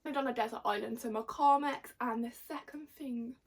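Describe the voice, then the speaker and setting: A woman's voice: fairly high pitch, brisk. A young Englishwoman chatting casually to camera in a giggly, tipsy, rambling and slangy way. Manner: rambling, slangy, self-mocking. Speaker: vlogger.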